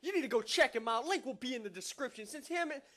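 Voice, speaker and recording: A man's voice: extremely high pitch, lively intonation, fast, pushed and bright. A young man casually narrating his own online game battle, laid-back, profane and self-mocking. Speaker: gaming YouTuber. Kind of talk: casual gameplay commentary.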